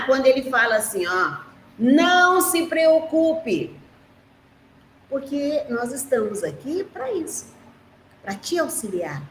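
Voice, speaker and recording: A woman with a Brazilian Portuguese accent teaching a remote class for young children, patient and explaining slowly, often checking in with short questions. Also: on the high side, fairly bright tone. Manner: slow, patient, explaining, with frequent "né?" and "tá?". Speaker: primary school teacher. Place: classroom at school. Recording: echoey room with faint noise.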